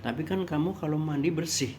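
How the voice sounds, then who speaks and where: A man's voice: fairly high pitch, brisk, noisy background, pitched above the performer's own voice, close to an everyday voice. A man quoting a patient, wise father. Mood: reassuring. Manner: gentle, reassuring. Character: patient wise father comforting his small son.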